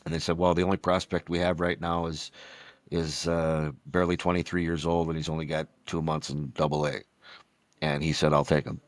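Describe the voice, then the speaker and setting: A man's voice: very deep voice, little pitch movement, fairly quick, no room sound. A man in his sixties, a retired baseball umpire, telling long rambling stories as a podcast guest and acting out what others said. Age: 60s. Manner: rambling anecdotal storyteller, acts out quotes. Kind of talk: storytelling in a casual podcast chat.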